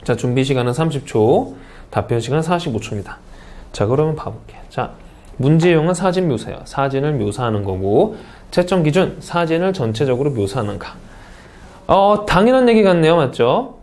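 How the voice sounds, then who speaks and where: Very animated and brisk, a South Korean man with a high-leaning, slightly mellow voice runs an online English speaking test course. He regularly questions his students and answers for them.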